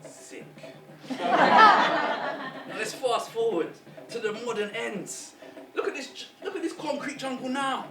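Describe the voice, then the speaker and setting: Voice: medium pitch, a little slow, pauses often, lightly acted. A performer voicing a sly, ancient trickster spider spirit with a Jamaican accent, in a rhythmic, chuckling spoken-word delivery, heard from a distance in a roomy space over music. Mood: sly boastful.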